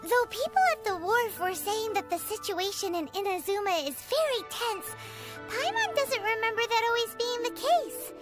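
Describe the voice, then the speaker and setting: A tiny, bossy floating companion in a game, squeaking at a very high pitch and bouncing all over her range as she teases and talks about herself in the third person. Loud game music plays behind her. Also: lively intonation, normal speed. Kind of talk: video game voice acting.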